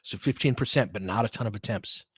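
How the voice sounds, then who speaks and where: A man does live play-by-play for a basketball game in clipped phrases, tossing in casual, fan-like asides between plays. His voice is fairly low, quick, and husky, on a dry recording.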